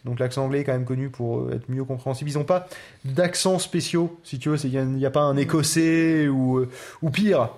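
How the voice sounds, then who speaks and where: A man co-hosting a podcast in relaxed casual chat, hesitating with many fillers. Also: medium pitch, fairly quick. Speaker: podcast co-host.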